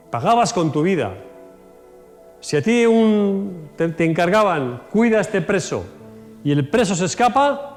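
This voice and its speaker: Lively storytelling pastor in a church hall. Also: male voice, high voice. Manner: acts out Bible scenes in quoted voices, shouts and laughs. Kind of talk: storytelling sermon. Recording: echoey church hall with faint music.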